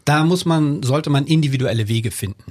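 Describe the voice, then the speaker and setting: A middle-aged man, a family counselor, explaining parenting calmly in conversation with some hesitation fillers. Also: on the high side, brisk, breathy edge, no echo. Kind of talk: conversational expert advice.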